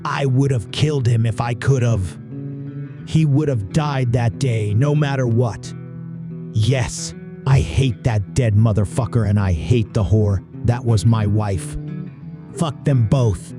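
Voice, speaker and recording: Man doing a slow-spoken, resentful young guy who swears. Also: medium pitch, natural voice. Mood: bitter. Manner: slow, heavy, profane. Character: bitter, angry young man. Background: guitar music.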